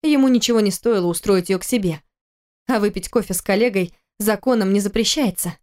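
A woman reads an audiobook story at a calm, measured pace. Her voice sits in the middle of the usual range, steady throughout. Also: medium pitch. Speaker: narrator. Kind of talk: audiobook narration.

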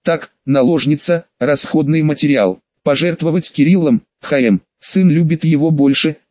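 Man narrating an audiobook, slightly high voice. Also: dry recording, highs cut off. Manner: measured storytelling. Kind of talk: scripted narration.

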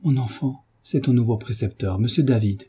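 A distraught young mother pleads with her son and the doctor, as a man voices her in a storybook reading. The voice is dark and husky, only lightly shaded. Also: medium pitch, normal speed. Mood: pleading.

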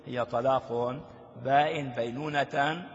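An older man teaching a classical text as a sheikh, explaining slowly and quizzing his listeners with rhetorical questions. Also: mid-range voice, fairly even intonation. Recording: lo-fi recording with long reverb in a hall.

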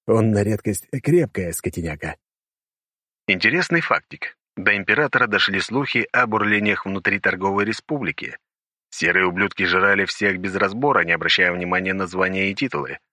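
A man's voice: low-pitched, normal speed, sharp tone, dry recording, studio quality. A man reading a first-person audiobook in a casual, crude, wisecracking manner. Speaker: audiobook narrator.

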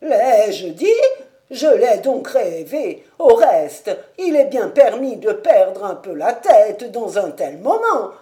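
A woman voicing a frantic, loyal old male servant who cries out in drawn-out, breathless wails. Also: mid-range voice, big pitch swings, dark tone. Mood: pleading.

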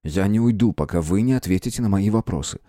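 A man reading an audiobook, voicing a calm, formal gentleman detective with measured, courteous speech. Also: sits low, no room sound, studio quality. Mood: firm. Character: calm, firm gentleman detective of old times.

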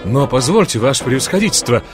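A man's voice: mid-range voice, very animated, fast talker, over music, natural voice. A man reading an audiobook, voicing a panicked middle-aged banker who pleads in frightened, rising outcries.

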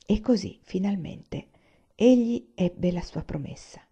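A woman reading a novel aloud as an audiobook, at a steady, measured pace. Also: mid-range voice, slightly rough. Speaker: reader. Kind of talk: audiobook narration. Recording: slightly muffled lo-fi recording.

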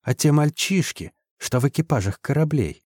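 A man's voice: fairly high pitch, animated, moderate pace, darkish tone, dry recording, clean studio sound, voice pushed up. A man voicing a proud, composed woman president who speaks curtly and with biting irony. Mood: cold, biting. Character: proud, sharp-tongued female president, middle-aged.

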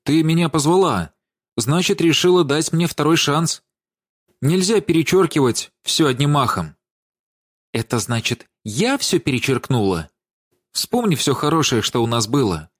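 A cowardly young man whines and stammers through his excuses, as a male narrator acts him out. His storybook voice moves animatedly in pitch. The recording is dry and close. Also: lively intonation, a little slow, no echo. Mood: pleading. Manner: whining, stammering, pleading. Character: cowardly, lying young man, pleading and bleating.

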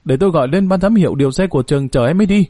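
A man doing a hurried, worried school nurse. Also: fairly high pitch, lively intonation, mellow, no echo, studio quality. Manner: hurried, anxious.

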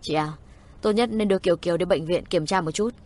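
A woman's voice: lowish voice, fast, a little mellow, natural voice. A woman voicing a cold, stern young man who speaks in clipped warnings.

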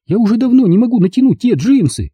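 A man's voice: very high-pitched, sing-song, quick pace, husky, no echo, pitched above the performer's own voice, full character voice. A man voicing a hot-tempered young woman who lashes out defensively at her mother. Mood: angry. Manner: loud, defensive outbursts.

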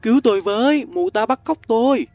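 A frightened young boy cries out in a high, strained voice, desperate and pleading, voiced by a man reading a storybook. The sound is thin and phone-like, and faint music plays underneath. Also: big pitch swings, normal speed, husky, dry recording, exaggerated voice. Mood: panicked pleading. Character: terrified young boy screaming for help.

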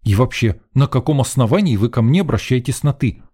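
A man doing a jumpy young student journalist with a voice pushed up high above a dark, mellow base. He sounds flustered and on the defensive, stammering out his protests in an audiobook reading. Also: animated, fairly quick, husky. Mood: indignant. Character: nervous, indignant young male journalism student.

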